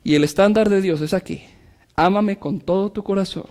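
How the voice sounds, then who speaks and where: A man preaching a sermon to his congregation as pastor, moving between quick asides and slow, emphatic declarations. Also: high-pitched, a little mellow.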